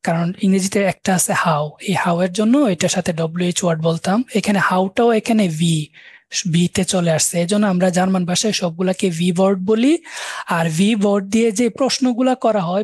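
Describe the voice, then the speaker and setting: A man teaching German in a live online class, repeating and slowly spelling out words. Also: sits high, darkish tone, breathy edge, dry recording. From Bangladesh.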